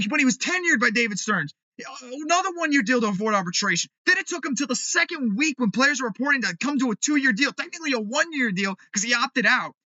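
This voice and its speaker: A man hosting a sports podcast, ranting angrily and with lots of cursing, dropping to low mutters and then rising to shouts. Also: dry recording. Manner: angry, profane, swings from low mutters to shouting. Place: home room. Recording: dull, lo-fi home recording.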